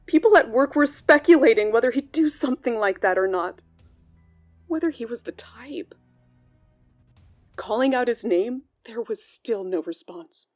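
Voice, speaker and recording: With background music underneath, a woman's animated, slightly high voice proceeds at a measured pace. She portrays an uneasy, hesitant female bank colleague who, in interview testimony for a true-crime audio drama, remembers a troubling friend.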